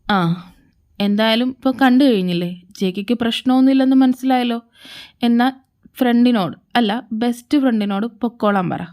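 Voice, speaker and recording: A woman doing a stern, suspicious young man, curt and dismissive, fan audio drama, lowered mellow voice. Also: fairly quick, smooth, natural voice.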